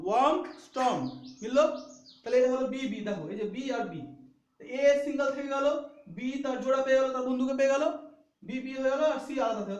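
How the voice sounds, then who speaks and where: A man's voice: extremely high pitch, echoey room. A man teaching a poetry lesson to students, repeating himself and often checking that they follow. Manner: repetitive, checks understanding with questions.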